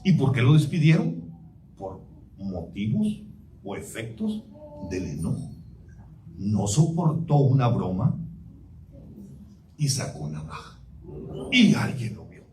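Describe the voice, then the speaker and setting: A man's voice: medium pitch, sing-song, takes it slowly, pauses often, darkish tone. A man preaching a chatty sermon, hesitant with many fillers and restarts, in a church hall. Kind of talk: sermon with anecdotes. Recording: distant mic, faint room noise.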